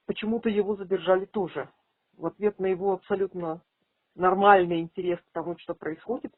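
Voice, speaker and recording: Female rights advocate, assertive and argumentative, slightly husky voice, formal phone complaint on a narrow, tinny line. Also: mid-range voice, dry recording. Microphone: telephone line. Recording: tinny phone call, radio-like.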